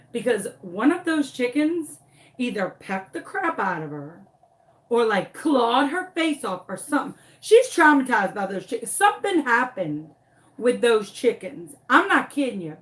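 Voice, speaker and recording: Animated woman telling a story. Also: on the high side. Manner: dramatic, breathless retelling with emphatic repeats. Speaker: craft vlogger.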